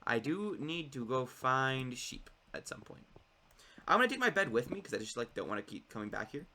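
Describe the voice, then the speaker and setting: A man giving casual, excitable gameplay commentary, rambling to his viewers while he builds, his voice cracking from overuse. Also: medium pitch, a little fast, a little hiss or hum. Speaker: gaming video creator.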